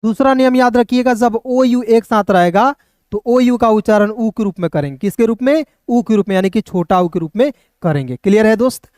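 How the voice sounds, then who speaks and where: A man's voice: sits high, a little fast, a little mellow, no echo. A man teaching English pronunciation online. He spells words out letter by letter and drills his viewers with repeated questions and answers. The sound is dry and close. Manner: addresses viewers as friends. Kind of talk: online lesson.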